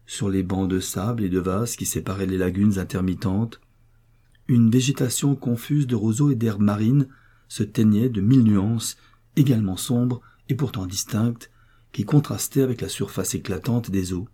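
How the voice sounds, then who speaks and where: Male audiobook narrator, dark mellow tone, measured delivery. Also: on the low side, husky. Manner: measured, descriptive storytelling. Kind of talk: scripted narration of a classic novel.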